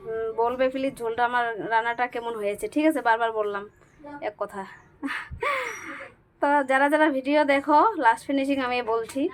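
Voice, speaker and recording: A woman's voice: a little high, background noise. A woman vlogging while she cooks in her small home kitchen, her voice a little thick today, chatting on and on and pleading with viewers to keep watching. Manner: chatty, repeats herself, keeps pleading with viewers. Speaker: cooking vlogger. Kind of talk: casual cooking vlog chat. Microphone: camera propped to one side.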